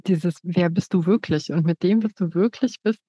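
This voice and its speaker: A woman's voice: fairly low pitch, normal speed, mellow, slightly rough, dry recording, dull audio. A woman speaking frankly and decisively in a casual interview conversation.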